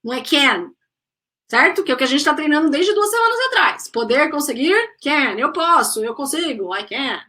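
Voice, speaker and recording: A woman's voice: high-pitched, big pitch swings, normal speed, pushed and bright, low-quality recording. A Brazilian woman teaching English in a live online lesson, mixing English and Portuguese, explaining step by step and checking in with her students. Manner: speeds up when explaining in Portuguese.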